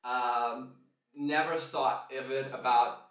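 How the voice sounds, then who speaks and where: A man's voice: medium pitch, steady tone, slow, a bit bright. A man in his thirties from Brazil, hosting a casual podcast monologue in a loose, rambling, self-mocking way. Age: 30s. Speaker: podcast host. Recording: echoey room, distant mic, music behind.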